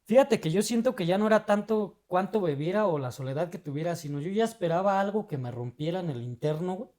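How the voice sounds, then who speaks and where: A man's voice: high voice, animated, fast talker, darkish tone. A young adult man with a Mexican Spanish accent, telling a personal story in casual, emotional, slang-heavy chat, dropping a tag word into nearly every phrase. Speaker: guest.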